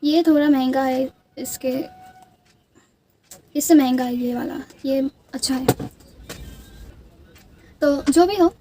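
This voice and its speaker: A woman's voice: sits high, slow pace, long pauses, warm tone, a little hiss or hum. A young woman with a Bengali accent, a native Bengali speaker, telling childhood stories in casual chat while doing her makeup, rambling with many restarts. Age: young adult. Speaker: beauty vlogger.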